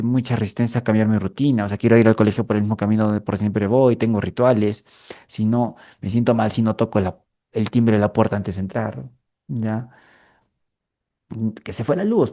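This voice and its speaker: A Peruvian man lecturing in a mental health course gives a clinical explanation, often checking in with listeners through tags like "¿ya?". His voice is fairly low and warm, recorded at studio quality with no echo.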